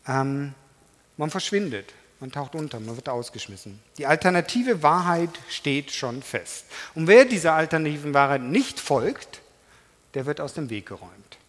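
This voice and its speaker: Male preacher, middle-aged, slightly high and very animated pitch, emphatic delivery, long hall reverb. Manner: animated, emphatic, talks straight to the audience. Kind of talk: sermon.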